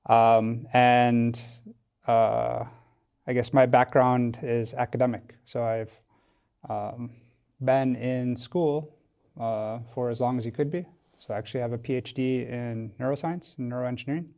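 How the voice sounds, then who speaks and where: This is a casual studio interview with a podcast guest, a tech company founder from Wisconsin in the United States. He talks unhurriedly in a medium pitch with fairly even intonation, his voice gravelly, darkish and clean, explaining things thoughtfully but hesitantly.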